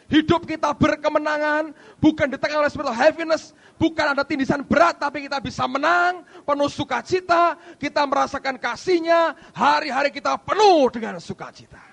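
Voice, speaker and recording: A middle-aged male pastor preaching a sermon, emphatic, with sudden loud outbursts and quiet asides. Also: extremely high pitch, brisk, vocal fry.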